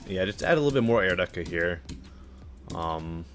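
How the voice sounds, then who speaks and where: A young man with a low, deep voice chats offhand as a streamer, judging game levels with dry sarcasm and lots of ums and likes. Faint game music plays behind him, and keyboard typing is picked up by his desk mic. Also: normal speed. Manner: relaxed, offhand, with filler words and dry sarcasm. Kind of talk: casual live-stream commentary.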